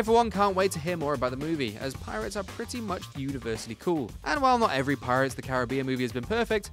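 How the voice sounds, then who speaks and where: Fast, lively man previewing a film. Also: mid-range voice. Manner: enthusiastic, self-mocking. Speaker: co-host. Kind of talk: scripted film preview narration.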